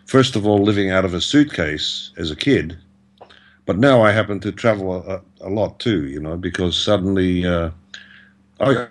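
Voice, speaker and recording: A man, a guest artist speaking over a video call, reflective and hesitant with frequent fillers. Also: deep voice. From Australia. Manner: reflective, hesitant, many "you know" fillers. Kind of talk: conversational interview answer. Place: indoors in Beijing.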